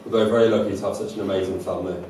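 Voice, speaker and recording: A man's voice: low-pitched, steady tone, rapid-fire. A young man giving an informal, chatty wedding speech as the groom, joking and stumbling over words. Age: young adult. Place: large echoey wedding venue with guests. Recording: very echoey, noisy room, distant mic.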